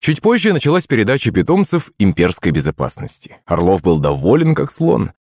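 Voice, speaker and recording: A man's voice: lowish voice, very animated, fairly quick, a little mellow, no echo, studio quality. A man reading a first-person audiobook expressively, giving the characters their own voices. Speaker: audiobook narrator.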